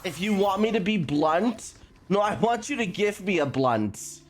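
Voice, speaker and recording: A woman streamer chatting with her viewers while she plays, her voice bouncing widely up and down in pitch. She takes her time, drawling through goofy asides and sound effects at a desk microphone. Faint game music plays behind her. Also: animated, measured pace.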